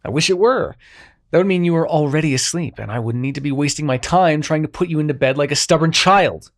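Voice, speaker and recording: A man's voice: fairly high pitch, brisk, natural voice. A man playing Morpheus, a sarcastic, grumbling god of dreams, in an intimate scripted roleplay, swearing and sighing at a mortal. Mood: exasperated, bossy. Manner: sarcastic, profane, sighing, addresses listener as mortal. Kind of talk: intimate scripted roleplay audio drama monologue.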